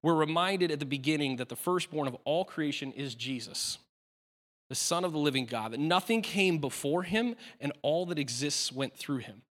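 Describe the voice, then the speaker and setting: A man's voice: fairly high pitch, fairly bright tone, long reverb tail. A man in his thirties preaching a sermon in a casual, self-deprecating way, with plenty of fillers and restarts. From United States. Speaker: pastor.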